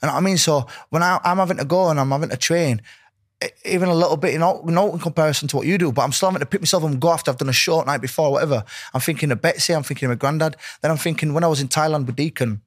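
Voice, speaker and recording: A man's voice: a little high, rapid-fire, no room sound, studio quality. A man chatting casually as a podcast guest, earnest, rambling and matey. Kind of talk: casual chat.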